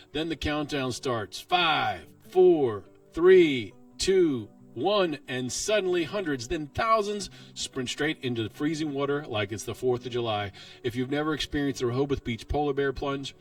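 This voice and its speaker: A man narrating a scripted promotional video as a local host, in measured, short dramatic phrases with pauses. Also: mid-range voice. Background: background music.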